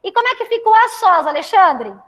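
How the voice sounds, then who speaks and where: A woman's voice: extremely high pitch, big pitch swings, fairly quick, a bit bright. A woman with a Brazilian Portuguese accent teaching a Portuguese class, affectionate with her students and often checking that they follow. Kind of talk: online class lesson. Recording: long reverb.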